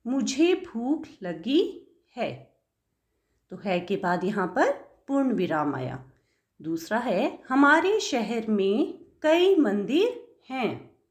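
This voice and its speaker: A woman teacher giving an online grammar lesson to young children, patient and asking the class questions as she goes. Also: medium pitch.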